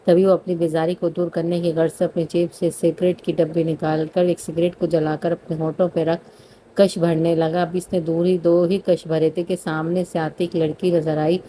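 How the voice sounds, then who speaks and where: A woman's voice: fairly low pitch, level tone, dark tone, slight background noise. A woman narrating a romance novel, reading steadily with occasional slips and restarts. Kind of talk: scripted audiobook narration.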